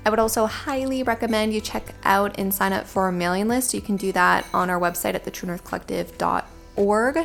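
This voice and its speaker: A woman's voice: mid-range voice, fairly quick, gravelly, soft background music. A woman in her late twenties, a podcast co-host chatting in a reflective, casual way with many filler words. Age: late 20s.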